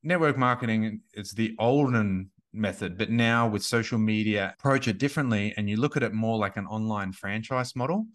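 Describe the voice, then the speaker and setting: A man's voice: lowish voice, moderate pace, hardly any pauses. A man in his thirties, a podcast guest and business coach, talking casually and rambling with many restarts and fillers. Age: 30s.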